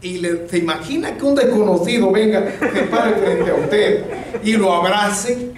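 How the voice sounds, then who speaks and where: High-voiced pastor in echoey church. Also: male voice, unhurried, slight background noise. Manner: humorous, animated storyteller. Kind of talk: storytelling sermon. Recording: echoey church hall, distant mic.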